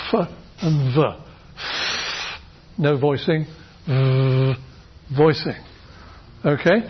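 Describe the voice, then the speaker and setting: A British man giving a university phonetics lecture, explaining patiently with many fillers and restarts and demonstrating sounds aloud. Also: a little high. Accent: British English. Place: lecture room. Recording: dull lo-fi lecture recording.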